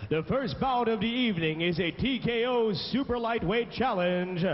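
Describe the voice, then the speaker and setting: A high-voiced man works as an arena announcer, booming and theatrical. His formal introductions come over a PA and ring through a big, long-echoing hall. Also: measured pace, highs cut off. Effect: arena public-address system. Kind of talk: bilingual arena announcer introductions, drawn-out names. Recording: echoing arena PA, band-limited, noisy.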